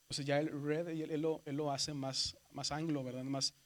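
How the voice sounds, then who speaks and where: This seminary teacher is a Mexican man whose fairly high voice stays flat and moves at an ordinary speed. His Mexican Spanish accent comes through as he explains step by step, checks understanding with "¿verdad?", and calls the class his brothers, "hermanos."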